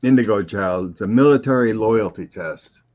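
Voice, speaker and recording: A man co-hosting a casual live chat, talking politics and reading tarot cards in a relaxed, halting way. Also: fairly low pitch. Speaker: psychic co-host reading tarot. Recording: dull lo-fi audio.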